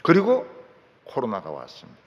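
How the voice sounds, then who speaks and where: Emphatic preacher in a big hall. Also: male voice, mid-range voice, moderate pace. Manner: emphatic, repeating key phrases, lively rising and falling delivery. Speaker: pastor. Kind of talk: sermon. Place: large church sanctuary. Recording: long hall reverb in a large sanctuary.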